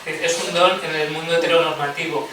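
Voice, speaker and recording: A man's voice: a little high, level tone, fairly quick. Male teacher, earnest panel guest, heavy room echo and background noise. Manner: earnest, emphatic, laughs often. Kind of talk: round-table discussion. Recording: echoey room, distant mic, noisy.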